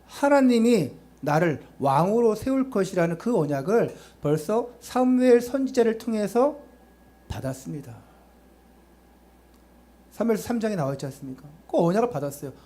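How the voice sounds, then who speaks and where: A man's voice: high voice, sing-song, moderate pace, warm tone. A male pastor preaching a sermon, urging the congregation with rhetorical questions and chatty asides to them.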